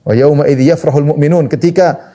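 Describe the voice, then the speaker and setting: A man preaching a sermon, telling stories in an animated, conversational way with wide swings in pitch. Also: brisk, soft background music. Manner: casual conversational phrasing. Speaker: Islamic preacher.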